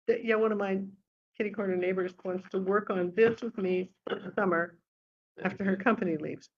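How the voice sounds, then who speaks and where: A woman's voice: medium pitch, steady tone, a little fast, a little hiss or hum. Chatty woman at a meeting table, talks in little broken bits, kinda muffled lo-fi sound. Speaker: advisory board member. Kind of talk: casual chat before a meeting. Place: meeting room.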